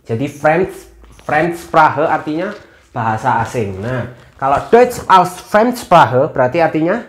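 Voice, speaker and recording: A young man giving a casual online German lesson, chatty, often addressing viewers as guys and spelling words out slowly. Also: on the high side, animated, roomy sound. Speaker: German language teacher.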